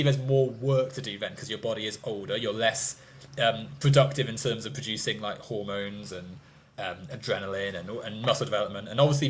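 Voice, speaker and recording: A man's voice: on the low side, a little hiss or hum. Chatty young man, rambling and hedging. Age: 20s. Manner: rambling, hedging, laughs often. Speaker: guest. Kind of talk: casual debate.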